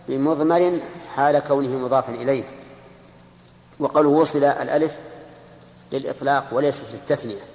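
A man teaching a grammar lesson to a class. He slows down to dictate verses and examples, quizzes his students and repeats key points. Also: medium pitch, darkish tone. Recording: echoey hall with long reverb.

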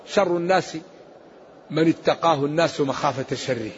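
A man's voice: a little high, normal speed. A man giving a Quran commentary lesson as a religious scholar, emphatic and rising sharply when he recites verses. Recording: dull lo-fi recording with faint hiss.

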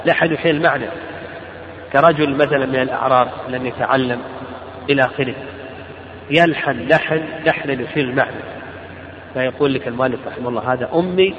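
A man teaching a lesson on a classical legal text. He reads lines aloud slowly, then explains and repeats them. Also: medium pitch, noisy background. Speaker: teacher of Islamic law. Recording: roomy hall recording, dull sound, crowd behind.

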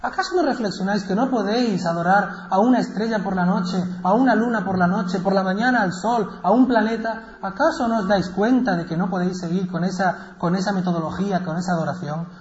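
A man voicing an earnest adult prophet who marvels at the heavens, stretching his exclamations out slowly. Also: sits high, echoey room, big-room sound, lo-fi sound, close to an everyday voice. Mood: reproachful.

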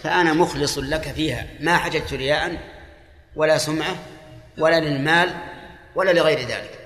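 A man's voice: fairly high pitch, normal speed, a bit bright. Male scholar lecturing a class, asks and answers his own questions, long hall reverb. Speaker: Islamic scholar teaching a class. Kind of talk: religious lesson with grammar explanation. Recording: echoey hall.

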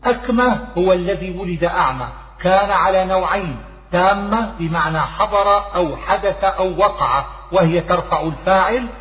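A man with a high voice reads a scholarly glossary aloud, moving through word meanings in a steady, measured way. His voice echoes through a long, roomy hall. The sound is thin and phone-like. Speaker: reader of a Quranic glossary. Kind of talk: reading a scholarly text aloud.

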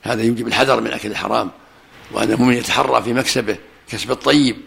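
A man's voice: mid-range voice, steady tone, racing, vocal fry, a bit bright. A man giving a religious lesson, explaining hadith and answering students' questions, repeating key phrases for emphasis. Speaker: religious scholar teaching hadith.

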